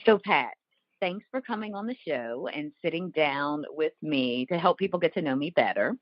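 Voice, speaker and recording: A woman with a low-pitched voice and a Southern Ohio Appalachian accent hosts a podcast. She speaks in a candid, conversational way. The recording is close and dry. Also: lively intonation, moderate pace, no echo, dull audio. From Southern Ohio Appalachia, United States. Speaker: podcast host and coach. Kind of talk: conversational podcast introduction and chat.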